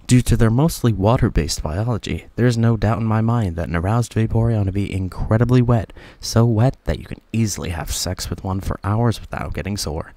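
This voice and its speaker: A man with a deep voice reading a script in an ASMR style, close to the microphone. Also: darkish tone, no room sound. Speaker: internet video creator.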